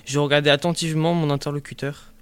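A man playing a curious, easygoing gentleman traveler in a read-aloud drama, polite and measured. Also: a little high, little pitch movement, clean tone, no room sound, natural voice.

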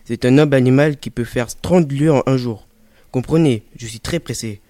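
A man's voice: mid-range voice, normal speed, dark tone, dry recording, natural voice. A man playing a proud, guarded bandit in a read-aloud drama, terse and clipped. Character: proud male bandit traveler, guarded and brusque. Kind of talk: audiobook drama role.

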